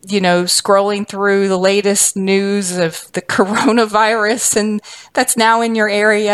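A woman's voice: mid-range voice, smooth. A woman in a mid-range voice hosts a podcast and walks through a caregiving scene as a casual spoken story. She slips into the inner thoughts of the person in it, with plenty of fillers and restarts along the way. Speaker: podcast host.

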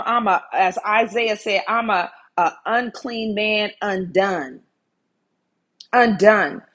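A woman's voice: medium pitch, a bit bright, slightly rough. A woman preaching a sermon in an earnest way, repeating key phrases for emphasis.

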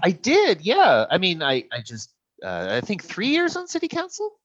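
Casting: male co-host for informal news chat, swooping expressive delivery, emphatic, recorded a little dull and lo-fi. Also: sits high, normal speed. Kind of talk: casual news commentary. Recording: slightly dull, lo-fi sound.

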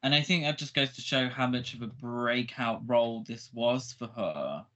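A man's voice: medium pitch, moderate pace, a bit bright. A man co-hosting a film podcast in casual, conversational discussion. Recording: slightly dull, lo-fi mic.

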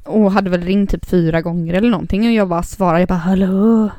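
A woman's voice: lowish voice, smooth, no room sound. A woman, co-hosting a casual podcast chat and telling stories with acted-out quotes. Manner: animated storyteller, acts out quotes. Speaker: podcast co-host.

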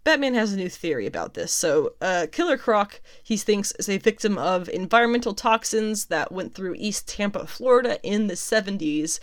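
A woman casually recapping and reviewing comics. She talks in a chatty, amused way, laughs often and swears freely. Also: medium pitch.

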